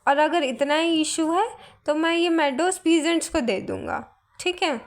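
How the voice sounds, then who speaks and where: A woman voicing a quick-tempered older male landowner who scolds and blusters. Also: high-pitched. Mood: blustering.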